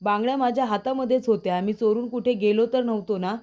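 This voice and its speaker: A woman voicing a greedy, scheming young man who talks smoothly to get his way. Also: a little high, quick pace, dark tone, lightly acted. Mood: sly, defiant. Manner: smooth, sly.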